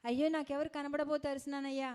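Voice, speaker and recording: A woman's voice: high voice, flat delivery, quick pace, darkish tone, lightly acted. A woman playing a hungry beggar woman in an amateur mono acting skit, pleading and scolding.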